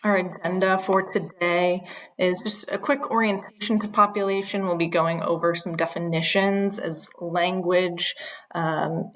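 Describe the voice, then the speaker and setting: Soft-spoken woman hosting a webinar. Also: on the low side, a little hiss or hum, poor audio. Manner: earnest, frequent ums. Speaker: clinical social worker, training host. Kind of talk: webinar presentation.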